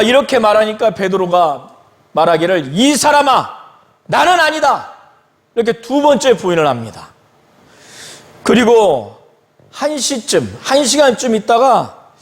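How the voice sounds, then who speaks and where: A male pastor preaching a sermon in a church, retelling a Bible story slowly and acting out the quoted lines. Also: high voice.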